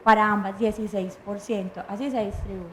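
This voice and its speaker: A Colombian lawyer on a studio talk show explains pensions patiently and methodically, going point by point, listing items and answering her own questions. Her voice has a medium pitch, fairly even intonation, and a slightly fast pace, with a little hiss or hum.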